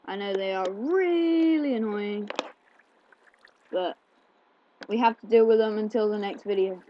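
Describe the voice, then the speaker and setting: Male gameplay host, unhurried rambling commentary with fillers; slightly muffled desk mic, keyboard clicks behind. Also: high-pitched, a little hiss or hum. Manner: rambling, chatty, with many fillers. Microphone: desk mic picking up keyboard clicks. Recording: slightly dull home recording with keyboard clicks.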